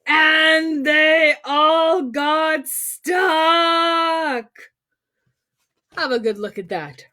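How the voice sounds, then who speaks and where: This children's storyteller and host reads a picture book on a livestream in a high-pitched, bright, forceful voice. Playful and exclaiming, she draws out words, adds dramatic emphasis and makes asides to young viewers.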